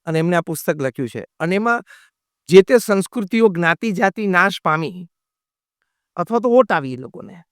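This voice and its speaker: A man's voice: high voice, expressive, moderate pace, a bit bright, no room sound, studio quality. A man giving a motivational sermon as a monk, mixing in English phrases and acting out quoted voices. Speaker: monk giving a religious talk.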